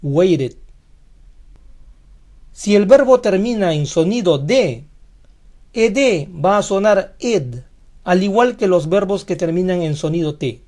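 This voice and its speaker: A teacher walks through a scripted pronunciation lesson at a very slow, unhurried pace. Each example word is said carefully and then repeated, in a voice of middling pitch. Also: darkish tone. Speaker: English teacher.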